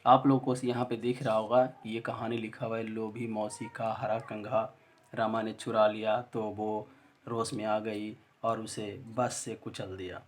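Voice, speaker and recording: A man teaching an exam-prep lesson, telling a memory story and drilling each syllable slowly. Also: on the low side, level tone.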